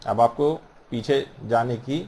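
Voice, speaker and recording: A man teaching the rules of prayer in a patient, explanatory way, repeating phrases and slowing down to model the correct pronunciation. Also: mid-range voice, darkish tone. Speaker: religious teacher. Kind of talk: instructional talk on prayer rules.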